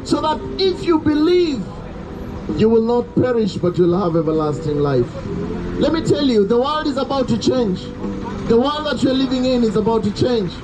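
Loud urgent street preacher, high-pitched. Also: male voice, sing-song, normal speed. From Kenya. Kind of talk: open-air street sermon. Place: roadside outdoors by a busy street. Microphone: handheld mic through a portable speaker, camera at a distance. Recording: street traffic noise, open air.

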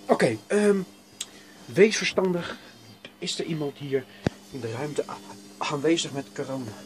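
A man's voice: fairly high pitch, measured pace. Jumpy swearing man, noisy recording. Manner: jumpy, swears a lot, talks himself calm. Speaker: gamer doing a role-play. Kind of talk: excited role-play commentary.

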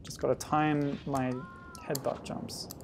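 A man casually commenting on a retro game as he plays, thinking aloud with sudden loud exclamations. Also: medium pitch, level tone, slow pace, slight background noise. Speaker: streamer.

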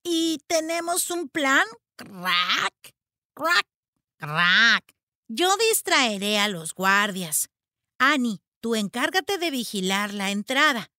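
Lady doing a hurried bossy little boy wizard, storybook voice, dry close sound. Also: a little high, very animated, bright, forceful tone, dry recording, heavily acted. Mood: scheming. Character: eager young boy wizard apprentice.

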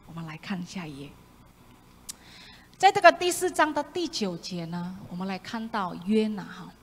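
A woman preaching a sermon, animated, acting out voices and dropping into whispered asides. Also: mid-range voice, moderate pace. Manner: animated, acts out voices of the prophet with sudden loud and whispered asides. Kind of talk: sermon with congregation reading along. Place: church hall. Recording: echoey church hall, faint room noise.

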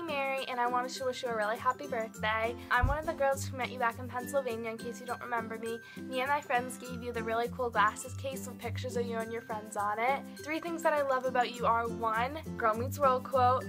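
Woman fan, high voice, chatty and eager, clear music behind. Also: fairly even intonation, brisk, hardly any pauses. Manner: chatty, enthusiastic. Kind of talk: fan birthday message.

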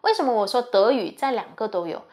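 A woman's voice: on the high side, very animated, fast talker, darkish tone. Chatty young woman giving advice. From Malaysia. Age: young adult. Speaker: university student sharing experience. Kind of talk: casual advice talk.

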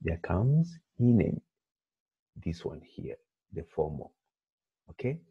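A man's voice: sits low, very animated, slow, husky. A man teaching a language lesson from a textbook, patiently explaining and checking in with "okay?" after each point. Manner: patient, repeats "okay?" often, rising checks. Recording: dull lo-fi recording.

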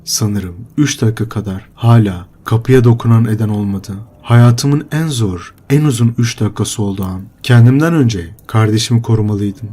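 A man's voice: fairly low pitch, moderate pace, few pauses, dark tone, husky. Subdued young man narrating a horror story.

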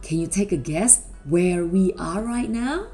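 Woman doing kids show host talk, slow and animated, simple questions, faint music behind. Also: fairly low pitch. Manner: animated, simple questions and drawn-out words for children. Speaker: children's presenter at a school Christmas service.

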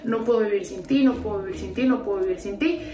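A woman's voice: mid-range voice, quick pace, close to an everyday voice. A woman voicing a whiny, possessive young male ex-boyfriend who begs and insults. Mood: pleading. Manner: clingy, pleading, insulting. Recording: roomy, distant, faint music.

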